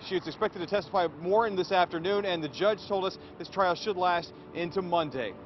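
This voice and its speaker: A man's voice: sits high, a little fast. A man in his thirties giving a live news report outdoors on a city street as a TV reporter. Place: outdoors on a busy downtown street. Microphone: handheld reporter mic. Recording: slightly dull sound, faint street noise.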